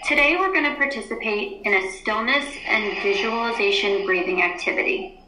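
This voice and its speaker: A woman teacher leading a calm guided grounding and breathing exercise, giving soothing, unhurried instructions with long pauses. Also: medium pitch. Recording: roomy, echoey indoor sound.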